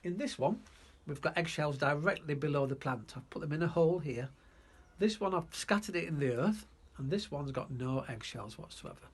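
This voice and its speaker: Excitable chatty Yorkshire man. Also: a little high, normal speed, breathy edge. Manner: chatty, excitable, talks to the camera. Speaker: allotment vlogger. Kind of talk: casual gardening vlog. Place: outdoors at an allotment. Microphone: clip-on mic with lead.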